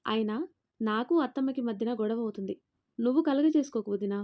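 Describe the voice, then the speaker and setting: A defiant young daughter-in-law, as a woman storyteller puts her on, firm and confrontational with a raised voice. The pitch sits fairly high, the tone mellow. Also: brisk, natural voice.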